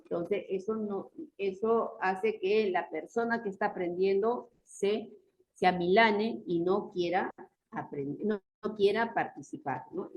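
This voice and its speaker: Woman teacher, middle pitch, explanatory, rhetorical questions, faint background noise. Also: a little mellow, highs cut off. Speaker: university teacher. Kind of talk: class discussion.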